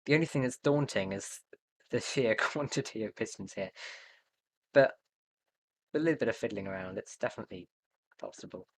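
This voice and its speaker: A young man streaming live, thinking aloud as he builds, hesitant and muttering to himself with many fillers. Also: lowish voice. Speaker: livestreamer.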